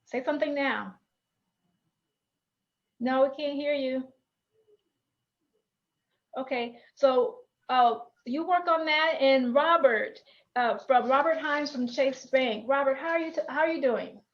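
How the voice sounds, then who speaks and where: A woman's voice: high-pitched, slow, long pauses. A woman moderating a virtual panel, friendly and direct as she brings in each speaker. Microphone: video call. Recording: dull, lo-fi call audio.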